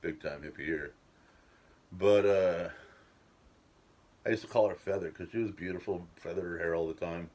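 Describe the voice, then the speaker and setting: A man's voice: sits low, fairly even intonation, moderate pace, long pauses, darkish tone. A middle-aged man telling a rambling, casual story about his life, swearing freely and laughing at himself.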